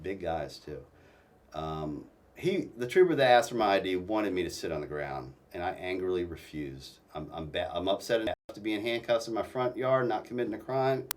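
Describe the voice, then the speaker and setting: A man telling his own story as a guest in a casual interview, halting and restarting often. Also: low-pitched, lively intonation, recorded from a distance.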